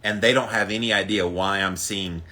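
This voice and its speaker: At normal speed, a man with a fairly low, steady voice and a sharp tone hosts a daily ice bath challenge livestream. He greets viewers by name in casual, emphatic, punchy chat.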